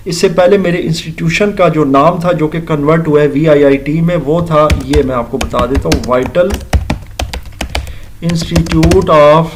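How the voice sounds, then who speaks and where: A middle-aged man teaching a grammar lecture, explaining step by step, dropping English terms into his talk and addressing the class politely. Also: on the high side. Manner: explains step by step, mixing English terms into Urdu-Hindi speech; addresses listeners politely with "janab" and "ji".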